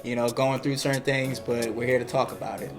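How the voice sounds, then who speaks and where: A young man from New York co-hosting a podcast, speaking in a relaxed, motivational way and saying "you know" often. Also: mid-range voice, a little fast, music in the background. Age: young adult. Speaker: podcast co-host. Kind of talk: casual podcast chat.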